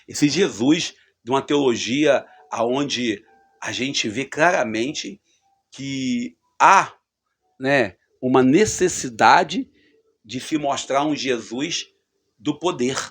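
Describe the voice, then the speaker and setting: A man delivers a relaxed spoken reflection on the gospel, in a husky voice. He talks conversationally and keeps the usual fillers. He punches certain phrases upward for emphasis. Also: mid-range voice. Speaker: preacher.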